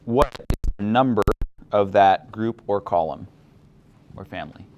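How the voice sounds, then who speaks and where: A young man teaching a chemistry class, explaining things in a relaxed way and asking students questions. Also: fairly low pitch, measured pace, noisy background. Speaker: chemistry instructor. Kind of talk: classroom lecture.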